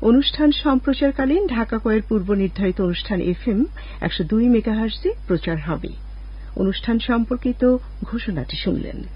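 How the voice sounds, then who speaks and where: A husky-voiced woman announcer reads a formal broadcast notice at an even, measured pace. Her voice comes through a fading, muffled lo-fi radio broadcast with the top end dulled. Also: on the high side.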